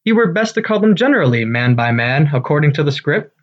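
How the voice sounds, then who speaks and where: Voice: mid-range voice, sing-song, fast talker, dull audio, lightly acted. Bombastic Nick Bottom, a boastful weaver actor's role. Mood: eager, bossy. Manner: bombastic, declamatory, self-important. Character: Bottom, boastful, eager amateur-actor weaver, adult man. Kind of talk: Shakespearean comedy acting.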